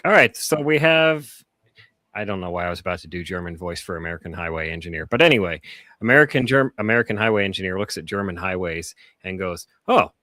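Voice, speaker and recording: A man's voice: sits low, no echo. A man co-hosting a podcast, telling long rambling stories in casual chat. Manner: rambling, animated storytelling. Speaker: podcast co-host.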